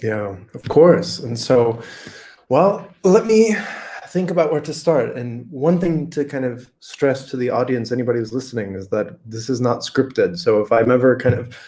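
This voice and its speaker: A man from rural Kentucky talks as a guest over a video call, unscripted and thinking as he goes. His pitch sits in the middle of the range, and his speech stops and restarts often. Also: moderate pace, mellow. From rural Kentucky, USA. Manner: thinks aloud, many fillers and restarts. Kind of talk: unscripted conversational interview.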